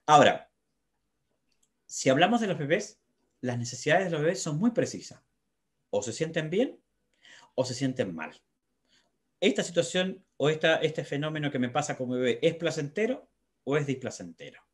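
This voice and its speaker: A man's voice: a little high, expressive, moderate pace, long pauses. A man, a psychologist, talking animatedly about parenting and filling his speech with tag questions. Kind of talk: conversational talk on parenting.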